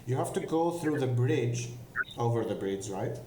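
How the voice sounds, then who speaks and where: A man narrating as game master of a tabletop game, halting and full of fillers and restarts. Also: medium pitch, animated, warm tone, roomy sound, a little hiss or hum.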